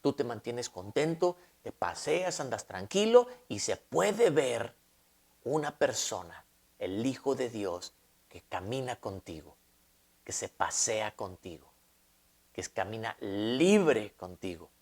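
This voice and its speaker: A man's voice: medium pitch, big pitch swings, takes it slowly, darkish tone. A man preaching a conversational Bible-study sermon, often putting rhetorical questions to the listener.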